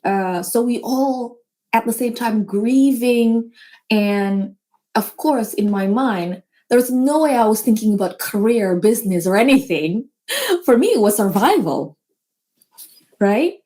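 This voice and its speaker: Her voice is a little high, expressive and warm, with a measured pace, as this business owner speaks earnestly and motivationally in a casual interview. Small grammar slips hint at a slightly non-native speaker.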